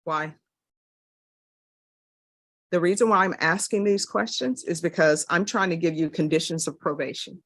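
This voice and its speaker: A woman presiding as judge in a courtroom recording, putting formal questions in a brisk, businesslike way. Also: on the low side, fairly bright tone. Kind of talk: formal plea hearing questioning.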